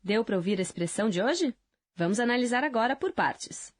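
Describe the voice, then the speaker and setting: A woman co-hosting a language lesson, reading in a friendly, clear scripted way. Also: on the high side, lively intonation, a little fast. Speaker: lesson co-host.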